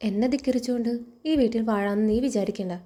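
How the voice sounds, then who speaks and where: Scolding rich matriarch read by a woman, mellow and a bit high. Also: fairly even intonation, fast talker, natural voice. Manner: scornful, scolding. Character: domineering wealthy middle-aged woman of the house.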